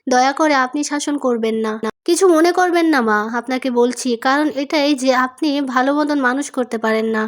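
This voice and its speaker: A woman voicing a strict middle-aged mother, lecturing, insistent, high voice. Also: normal speed, hardly any pauses, lightly acted. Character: stern middle-aged mother, sharp-tongued.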